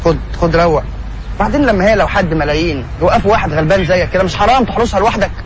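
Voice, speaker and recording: A man's voice: sits high, rapid-fire, natural voice. An actor playing a stubborn, wisecracking young man with an Egyptian accent. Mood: teasing. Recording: film soundtrack with background noise.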